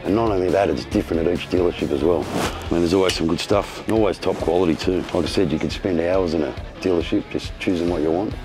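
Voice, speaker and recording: A man hosts a casual tour on the move. He talks very quickly in a slightly low voice, full of matey slang. Loud music and vehicle noise run behind him. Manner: matey, colloquial. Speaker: presenter of a motorcycle magazine tour. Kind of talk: casual walk-through vlog with chatty interviews.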